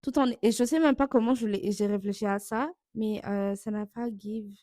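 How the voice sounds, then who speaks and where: A woman's voice: medium pitch, fairly even intonation, moderate pace, mellow, dry recording. Young woman, from Burundi, casual voice-over, self-mocking, dry close sound. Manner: candid, self-mocking, loose slang. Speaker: vlogger.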